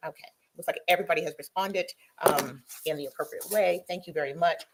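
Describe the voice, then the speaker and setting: A woman judge running court proceedings in a brisk, procedural way, with frequent ums, heard through a courtroom recording played back. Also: sits low, background noise. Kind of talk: presiding over court proceedings.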